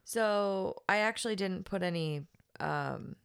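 A woman's voice: mid-range voice, slow, creaky, clean tone, dry recording, studio quality. A woman co-hosting a casual podcast, sounding congested after crying, giggly and rambling. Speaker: podcast co-host. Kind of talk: casual chat.

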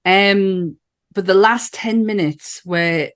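A northern English co-host talks slowly in a mid-range, fairly bright voice, with her northern accent clear. The podcast chat is relaxed and enthusiastic, with plenty of laughter and swearing.

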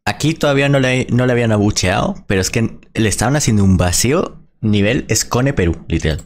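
A man's voice: fairly low pitch, lively intonation, fast. A man, a small content creator giving blunt, indignant reaction commentary with plenty of swearing.

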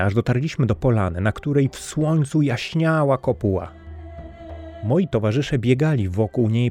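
A man narrating an adventure tale in the first person, in a vivid, expressive storytelling manner. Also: mid-range voice. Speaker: audiobook narrator. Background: faint background music.

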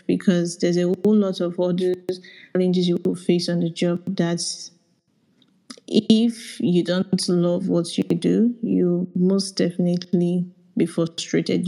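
A Nigerian woman, a product manager, giving reflective career advice in a casual audio chat, often pausing to search for words. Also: lowish voice, gravelly, dark tone, poor audio. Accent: Nigerian English.

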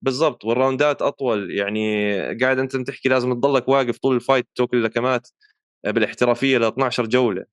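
A man's voice: mid-range voice, fairly even intonation, racing, clear, resonant tone, no echo, clean studio sound. A man with a Levantine Arabic accent explaining things casually as a podcast co-host, dropping in English terms as he talks.

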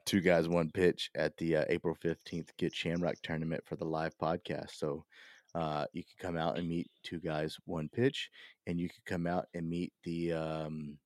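A man co-hosting a casual podcast, rambling and swearing with lots of fillers, excitable. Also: low-pitched, normal speed, no echo, studio quality. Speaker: podcast co-host.

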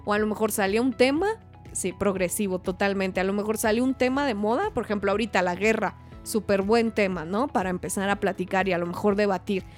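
A woman from Chihuahua, hosting a podcast in lively, slangy casual chat with faint music behind. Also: medium pitch, fast talker. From Chihuahua, Mexico. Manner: chatty, animated, laughs often, slangy. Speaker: podcast host.

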